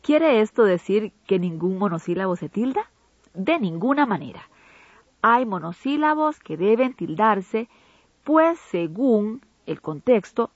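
A woman co-hosting an educational radio program, reading a Spanish grammar lesson in a measured, didactic way. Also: mid-range voice, no room sound. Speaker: co-host of a language program. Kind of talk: scripted educational radio narration. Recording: dull lo-fi broadcast audio.

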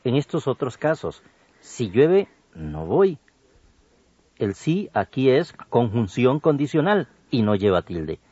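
A man co-hosting an educational radio program, reading a grammar lesson slowly and deliberately. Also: very animated, mellow, slightly rough, dry recording. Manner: slow, deliberate, with wide swings in pitch. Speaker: co-host of a language program. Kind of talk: scripted educational radio narration. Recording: dull lo-fi broadcast audio.

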